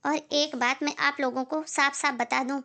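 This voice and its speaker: A woman's voice: sits high, fairly even intonation, moderate pace, bright, forceful tone, dry recording. A woman voicing a patient young daughter-in-law who speaks politely but firmly, in a moral story drama. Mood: indignant. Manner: polite, firm.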